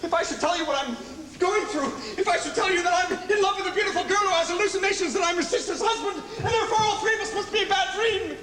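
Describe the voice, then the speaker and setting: An actor playing a bewildered, exasperated young master in a stage comedy, declaiming in agitation. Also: male voice, extremely high pitch, quick pace, hardly any pauses, crowd noise. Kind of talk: theatrical stage comedy acting. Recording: echoey hall, noisy stage recording.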